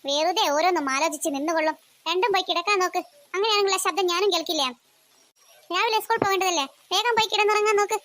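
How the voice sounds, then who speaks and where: A woman's voice: very high voice, quick pace, a bit bright, slight background noise. A woman voicing an impatient cartoon mother who scolds her children and sends them to bed. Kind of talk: cartoon voice acting.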